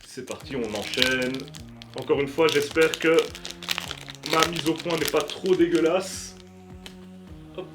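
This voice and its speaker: A man's voice: fairly high pitch, takes it slowly, pauses often, over music. A man casually commenting as he opens trading card packs on camera, chatty and joking, with frequent fillers and the odd crude word. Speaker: YouTuber opening card packs.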